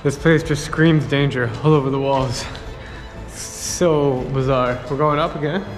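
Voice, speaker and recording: A young man filming a travel vlog in an abandoned palace with a handheld camera, talking in an excited, exclaiming way. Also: medium pitch, unhurried, soft background music. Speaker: travel vlogger. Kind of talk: travel vlog with voice-over narration. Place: abandoned palace, large empty stone rooms. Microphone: handheld camera at arm's length.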